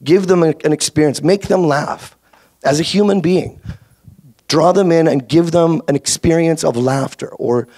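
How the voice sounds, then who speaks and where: A man talks to a convention audience, his voice sitting a little high. He rambles, restarts his sentences and jokes with the crowd as he goes. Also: moderate pace, warm tone. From Canada. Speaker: voice actor giving a convention panel talk. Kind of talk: live panel talk to an audience.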